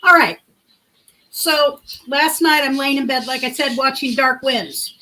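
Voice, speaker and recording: In poor audio, a middle-aged livestream host tells a meandering story while answering her chat's comments. She has a big, high-sitting voice, a sharp tone, and a measured pace.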